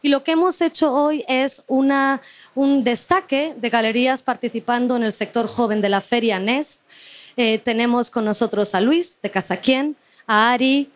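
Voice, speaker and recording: A woman's voice: a little high, dry recording. A woman hosting a live panel at an art fair, reading a formal introduction of the guests with small stumbles. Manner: formal, reads names and titles with small stumbles. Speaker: host and fair curatorial director.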